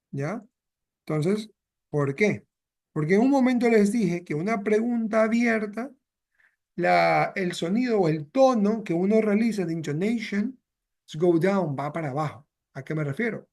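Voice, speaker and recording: High-voiced bilingual English teacher. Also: male voice, expressive, a little slow, a little mellow. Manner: mixes English and Spanish, repeats phrases with "¿ya?" and "¿ok?". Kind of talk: bilingual classroom explanation.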